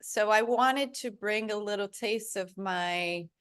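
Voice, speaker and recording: Brazil-born woman, interview guest, earnest, halting with fillers. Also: medium pitch, a bit bright, clean tone. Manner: earnest, searching for words, many fillers. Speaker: guest, product founder. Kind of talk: conversational interview.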